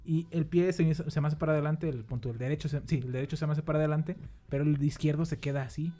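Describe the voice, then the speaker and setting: A man's voice: fairly high pitch, fairly even intonation, rapid-fire, dark tone. A young man with a Mexican accent, telling a story animatedly in casual chat with friends, full of slang and swearing.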